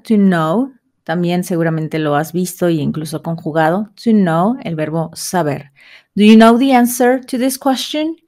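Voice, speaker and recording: A woman's voice: lowish voice, a little mellow. Woman teaching English vocabulary. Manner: repeats each English example slowly, then translates. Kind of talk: vocabulary lesson.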